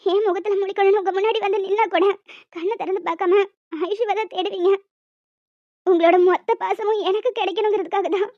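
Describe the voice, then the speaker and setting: A woman's voice: very high-pitched, darkish tone, dry recording. A woman voicing a young woman in a cartoon who pleads and confesses with earnest emotion, in a dry, dull lo-fi recording. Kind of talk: amateur cartoon voice acting.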